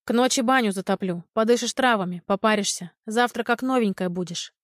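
A woman reading a book aloud, voicing a calm, gruff village man who talks curtly and mocks a little. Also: fairly high pitch, brisk, no echo, natural voice. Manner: curt, dry, mildly mocking.

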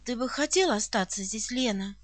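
A woman's voice: extremely high pitch, expressive, unhurried, no echo. A woman doing a solemn, tender little girl. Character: gentle serious rich girl, orphan's friend.

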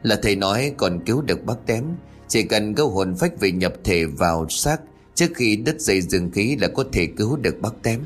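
A man's voice: on the low side, lively intonation, normal speed, soft background music. A man doing an anxious young villager.

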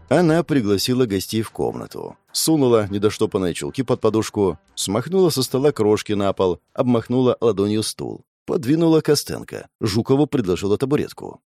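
A man narrating an audiobook in a measured, expressive storytelling manner. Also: lowish voice. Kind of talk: audiobook reading of a crime novel.

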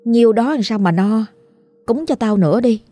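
A woman voicing a sly, hungry young female ghost with a shrill, whiny, oily voice in a spoken ghost story. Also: moderate pace, dark tone, no echo, soft background music, close to an everyday voice. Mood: menacing.

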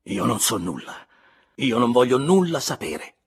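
A man's voice: deep voice, expressive, normal speed, fairly bright tone, breathy edge, exaggerated voice. A man reading aloud and voicing a passionate young lover with a hard, clipped delivery. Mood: harsh. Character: young man, passionate and harsh, then bitter.

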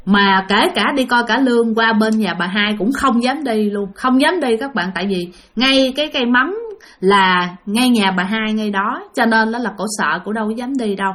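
A woman with a Southern Vietnamese accent narrating a ghost story, talking straight to her listeners in an animated way. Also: a little high, normal speed. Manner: animated, addresses listeners directly.

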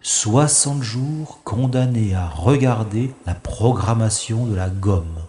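In a science-fiction audio drama, a man plays a bored, cynical special agent. His voice is fairly low, dark and husky, and he goes slowly, grumbling with sardonic, world-weary complaints.

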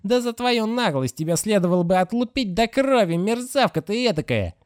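A scornful middle-aged caretaker woman, as a male narrator puts her on, her voice pushed high into falsetto. She scolds with cutting contempt, swinging widely in pitch. The storybook recording sounds dry and close. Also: big pitch swings, moderate pace, no room sound. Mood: scolding.

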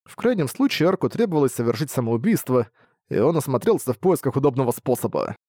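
A man narrating a fantasy audiobook with expressive storytelling. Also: mid-range voice, fast, no echo, clean studio sound.

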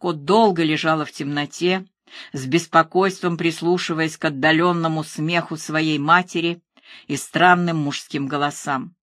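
A woman narrating a thriller audiobook in a measured, even reading. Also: low voice, dry recording, clean studio sound.

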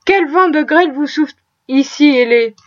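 Woman reader voicing a hulking, surly brute of a man, curt and growling, high voice, muffled audio. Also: normal speed, dry recording, close to an everyday voice. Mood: gruff.

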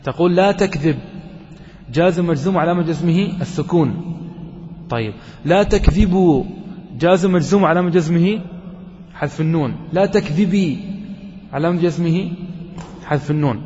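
Male grammar teacher, slightly high voice, questions and answers his class, dull lo-fi recording with long reverb. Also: warm tone. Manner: asks the listeners questions and answers them himself; slows down to chant quoted verses.

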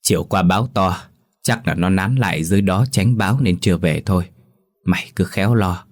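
A man with a deep voice voicing a gruff, scolding old village elder in a storybook tale. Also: a little fast. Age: older.

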